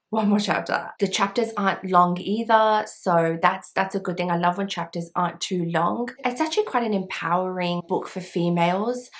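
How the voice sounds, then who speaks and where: A young woman chatting enthusiastically about books she loves, full of "like" fillers. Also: fairly low pitch. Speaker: book vlogger. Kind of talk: casual book recommendation vlog.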